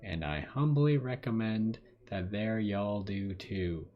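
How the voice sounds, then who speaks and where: A man reading out a letter in a put-on American Southern accent, playing a folksy male treasure hoarder with a slow drawl. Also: fairly low pitch, dull audio, soft background music. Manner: slow drawling read-aloud.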